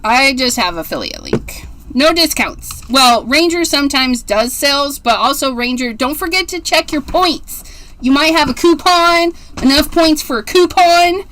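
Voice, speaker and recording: During a casual livestream craft demo, a forties-aged woman makes cards, rambling chattily and raving about how cute things are. She has a high-pitched, slightly bright voice with lively intonation and a somewhat slow pace.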